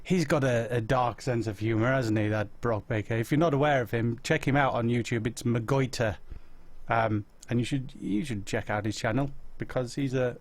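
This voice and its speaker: A Yorkshire man in his forties, from England, hosts a casual live chat and answers viewer questions with self-mocking humour. His voice is medium-pitched and steady, with a moderate pace and a Yorkshire accent.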